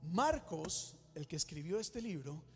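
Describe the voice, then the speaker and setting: A man's voice: a little high, big pitch swings, a little slow. A male pastor preaching a sermon in a church, emphatic, with dramatic build-ups and repeated exclamations. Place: church hall. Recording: church hall reverb with soft music.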